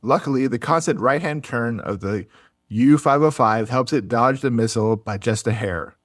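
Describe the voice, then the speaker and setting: A man with a mid-range voice co-hosts a casual podcast at a moderate pace, telling a history story. He laughs often and breaks in with jokey asides, and the recording is dry with a clean studio sound.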